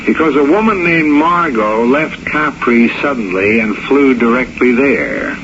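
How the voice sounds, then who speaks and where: On a muffled, noisy old recording from a 1970s radio drama, a male actor plays a grim, knowing, cynical confidant. His medium-pitched voice is lightly acted with lively intonation. He speaks in a deliberate, blunt, sardonic way.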